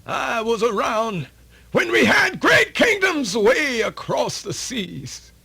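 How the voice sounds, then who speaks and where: Over background music, an older man voices an aged, tired yet proud elder storyteller in a radio theatre piece, his tone proud and defiant. The exaggerated voice is very high and slow, with big pitch swings, creak, a breathy edge and a bright, forceful quality. He delivers it in a folksy, solemn, oratorical way.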